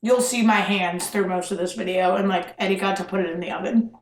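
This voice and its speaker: A woman's voice: mid-range voice, fairly even intonation, a little fast, a little hiss or hum. Young female co-host, upbeat and chatty, slightly distant from the mic in an echoey room. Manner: chatty, upbeat, talks while eating. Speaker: co-host, girlfriend. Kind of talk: casual cooking vlog chat. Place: home kitchen, indoors.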